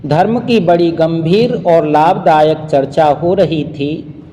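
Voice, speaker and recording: A male preacher gives a sermon in a slow, measured, recitative way. His voice is somewhat high for a man but mellow in tone, and it rings through a long hall reverb. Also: muffled recording. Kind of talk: sermon storytelling.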